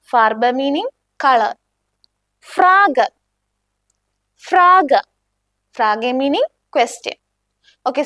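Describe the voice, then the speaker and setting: A woman teaching a beginner language lesson with a Malayali accent, saying each word slowly and asking learners to repeat after her. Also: sits high, a bit bright, no echo, studio quality.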